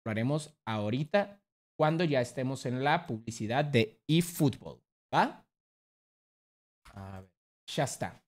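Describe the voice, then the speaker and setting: A man's voice: mid-range voice, lively intonation, a little slow, long pauses. Chatty, cursing male streamer. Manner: chatty, blunt, swears freely; acts out voices in sudden loud bursts. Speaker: streamer reacting to a video. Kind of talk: casual reaction chat.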